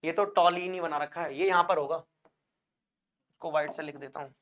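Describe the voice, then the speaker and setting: This exam-prep lecture comes from a male chemistry teacher whose fairly high, fairly bright voice keeps an even intonation at a moderate pace, with a little hiss or hum in the audio. He questions and answers himself, calls students brother and child, and uses wordplay jokes as memory aids.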